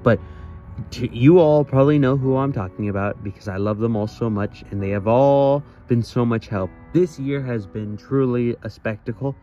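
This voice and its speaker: A man's voice: medium pitch, moderate pace. A young man talks outdoors in the cold, his voice shaking as he shivers. He rambles in a jokey, self-mocking way. The audio is a little dull, with faint music underneath. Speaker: YouTube creator. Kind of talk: casual vlog greeting to fans.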